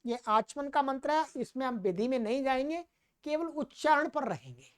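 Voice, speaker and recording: एक महिला शिक्षिका जो मंत्र धीरे-धीरे उच्चारण करके सिखाती है और बीच में जल्दी-जल्दी समझाती है।. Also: female voice, sits high, animated. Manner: chants slowly and loudly, then explains quickly. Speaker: teacher of Vedic mantra pronunciation. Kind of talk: recitation lesson.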